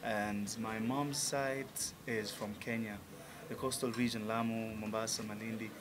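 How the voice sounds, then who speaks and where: Interviewed in a restaurant lounge via a table mic on a stand, a Tanzanian musician in his thirties talks casually and enthusiastically with many fillers. His voice is fairly low, flat in pitch, and unhurried, with background noise.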